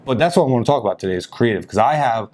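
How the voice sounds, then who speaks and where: A man's voice: medium pitch, lively intonation, racing, darkish tone. A man hosting a podcast, chatty and upbeat, talking with plenty of fillers. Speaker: podcast host. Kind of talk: casual podcast chat.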